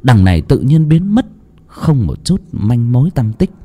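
A man narrating a ghost story in a dramatic, animated storytelling voice. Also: medium pitch, measured pace. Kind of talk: scripted horror narration. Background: faint background music.

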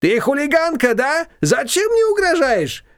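A man's voice: extremely high pitch, big pitch swings, normal speed, dry recording, studio quality, voice pushed up. A man voicing a talkative, boastful old taxi driver who rambles indignantly. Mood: chatty.

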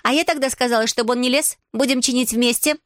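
A woman voicing a bossy, clever young witch girl who explains things briskly, with a dry edge. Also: on the high side, fairly even intonation, a bit bright, dry recording, voice pushed up, natural voice. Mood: explaining.

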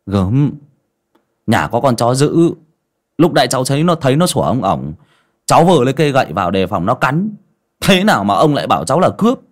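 A man's voice: medium pitch, very animated, brisk, voice pushed up. A man voicing a brash, cheeky young village man.

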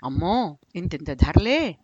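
A woman voicing an elderly father who grumbles loudly and argues with his son about prices. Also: sits high, sing-song, takes it slowly, no echo, highs cut off, heavily acted. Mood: lamenting. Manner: grumbling, argumentative.

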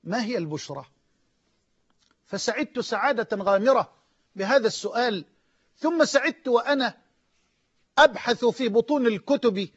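A man with an Egyptian accent preaching an emotional sermon, swinging from near-shouts to low, hushed lines. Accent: Egyptian Arabic. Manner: impassioned, rising to near-shouts and dropping low. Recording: dull lo-fi audio.

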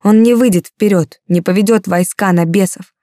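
A woman narrating a first-person fantasy novel in a calm, even storytelling manner. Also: medium pitch, moderate pace, no echo, studio quality. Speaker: audiobook narrator.

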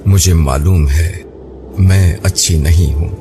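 A man voicing a devoted young bride, speaking in a soft, pleading way over a noisy recording. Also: sits low. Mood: tender. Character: young woman, tearful and devoted new bride. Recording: noisy background hiss.

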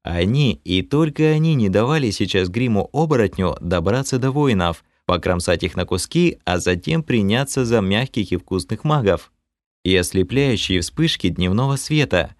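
A man reading a fantasy audiobook in the first person, animated and expressive. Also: on the low side, moderate pace, no echo, studio quality. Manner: animated reading with lively shifts of tone. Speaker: audiobook narrator.

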